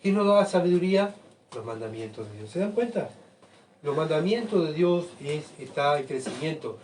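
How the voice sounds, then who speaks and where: A man preaching a sermon, asking rhetorical questions and swinging between soft asides and loud emphatic bursts. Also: fairly high pitch, animated, normal speed, slight background noise. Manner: rhetorical questions, keeps asking the congregation "¿verdad?". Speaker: pastor. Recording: voice picked up from far off.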